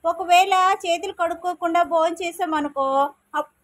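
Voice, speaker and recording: A woman's voice: very high voice, steady tone, normal speed. A woman preschool teacher talking to small children in a classroom. She keeps asking questions, repeats the answers back, and gives simple, firm commands.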